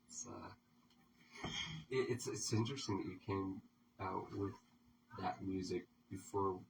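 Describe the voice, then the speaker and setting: A male radio DJ chatting casually with guests in a studio, his thoughts rambling and restarting. His voice sits a little low. He is heard off-mic with clear background noise. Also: fairly even intonation, takes it slowly, recorded from a distance. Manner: rambling, many restarts, laughs easily. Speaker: radio DJ and host. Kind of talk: casual radio interview chat.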